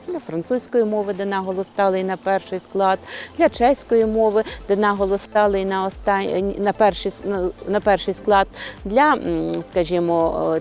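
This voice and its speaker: Mellow-voiced woman explaining like a lecturer. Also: medium pitch. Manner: lecturing, careful, self-correcting. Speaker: literature scholar. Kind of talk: explanatory interview.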